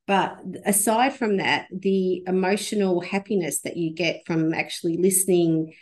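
A woman's voice: on the low side, fairly even intonation, moderate pace, darkish tone. A woman co-hosting a casual podcast, asking questions in an encouraging way with hesitant fillers. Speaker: podcast co-host.

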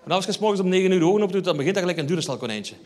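A man's voice: high-pitched, expressive, rapid-fire, darkish tone. A man with a Flemish accent performing a stand-up routine on stage. He tells a wry story and talks straight to the audience. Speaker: stand-up comedian. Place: theatre hall on stage. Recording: reverberant live hall.

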